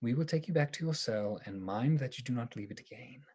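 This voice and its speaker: A man's voice: medium pitch, animated, fairly quick, a little mellow, slightly rough. A man playing a stern, exasperated asylum doctor in a radio play, curt and formal. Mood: firm, exasperated. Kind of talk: live radio play acting.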